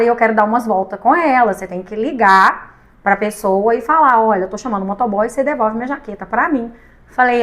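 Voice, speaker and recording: A woman with a Brazilian Portuguese accent tells a story on a studio podcast. Her voice sits a little high, and she talks in a lively, laughing way, acting out the dialogue as she goes. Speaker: podcast guest. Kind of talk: casual storytelling chat.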